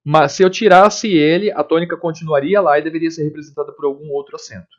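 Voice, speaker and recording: Lo-fi teacher explaining grammar. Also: male voice, on the high side, steady tone, quick pace. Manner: explanatory, frequent check-ins like "tá?" and "ok?". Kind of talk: recorded grammar lesson. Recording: dull lo-fi lesson recording.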